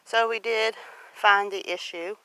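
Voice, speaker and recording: Here a homestead vlogger from Louisiana walks outdoors across her rural property, chatting folksily in a Southern US accent and explaining as she moves. She speaks unhurriedly in a steady, mid-range voice that is bright and forceful. Recorded on a handheld phone, the low-quality audio has no room sound, just faint outdoor noise.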